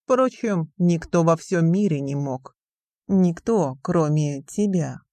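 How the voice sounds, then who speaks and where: A woman reading a cold, scheming young man in an audiobook, drawling with slow contempt. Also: low voice, expressive, mellow, no echo. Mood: contemptuous. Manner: slow, cold, sneering delivery.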